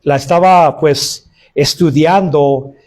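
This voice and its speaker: A man's voice: fairly high pitch, slow pace, darkish tone. A man preaching a sermon to his congregation, calling them brothers and acting out quoted cries of woe. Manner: preaching, addresses listeners as brothers. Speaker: pastor.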